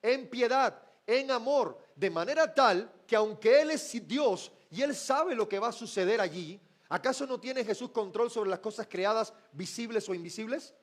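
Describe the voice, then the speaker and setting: High-voiced male preacher. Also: expressive, moderate pace. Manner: rhetorical questions prompting the congregation to answer. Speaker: pastor. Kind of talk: sermon.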